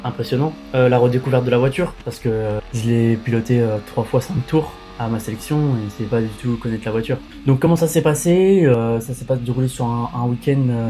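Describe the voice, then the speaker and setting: A man's voice: mid-range voice, warm tone. A young man, an amateur racing driver, talking casually and informally to the viewer, with many fillers and restarts as he gives advice. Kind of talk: casual talk to camera.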